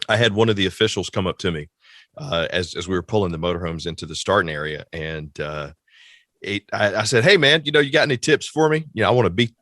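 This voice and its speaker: A man hosts a casual podcast and tells his stories with energy. He jumps up in pitch whenever he acts out what other people said. The sound is close and dry, with no room around it. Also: fast talker, no room sound. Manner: animated storyteller, acts out quotes in a raised voice. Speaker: podcast host.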